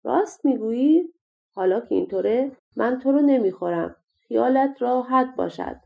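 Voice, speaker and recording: A woman voicing a hungry, blustering male giant from a storybook, with loud booming exclamations. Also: expressive, gravelly, narrow, tinny audio. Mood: pleased.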